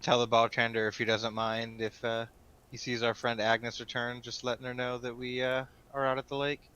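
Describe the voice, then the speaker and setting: A man playing a tabletop game, making measured, practical suggestions. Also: mid-range voice, little pitch movement, bright, forceful tone, smooth, lo-fi sound. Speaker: player.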